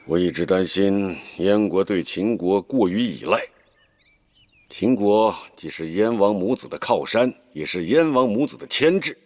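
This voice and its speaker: An actor playing a calculating older male chancellor in a period TV drama, speaking in a measured, reasoning manner. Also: on the low side, animated, a little mellow. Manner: measured and reasoning, turning stern.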